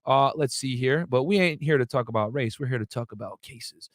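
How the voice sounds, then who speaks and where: A man's voice: medium pitch, fairly quick, no room sound, studio quality. Chatty young man hosting a livestream. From United States. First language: Arabic. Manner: chatty, many fillers and asides to viewers. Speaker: livestream host. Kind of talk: casual livestream commentary.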